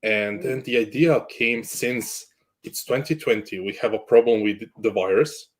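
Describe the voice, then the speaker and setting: A man's voice: on the low side, a little slow. A man from Croatia, a guest in a casual interview chat, good-humored and jokey, often restarting his sentences. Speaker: guest, cloud architect.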